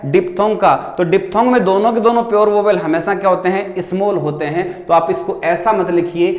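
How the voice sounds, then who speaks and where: A man teaching an exam-solution lesson in Hindi with a Rajasthani accent, explaining step by step and answering his own questions. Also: sits high. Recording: echoey room.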